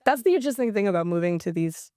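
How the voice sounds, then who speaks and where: A woman's voice: mid-range voice, racing, clean tone, dry recording, clean studio sound. A young American woman, a DJ guest, telling stories animatedly in a casual podcast chat, full of "like" fillers. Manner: animated storyteller, lots of "like" fillers. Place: podcast studio.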